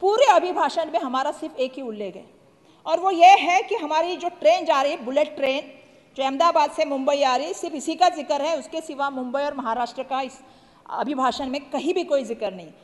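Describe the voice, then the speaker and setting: Woman, parliamentary speech, emphatic, high voice, echoey chamber reverb. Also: a little fast. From Maharashtra. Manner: emphatic, repeatedly addressing the chair. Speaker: member of parliament.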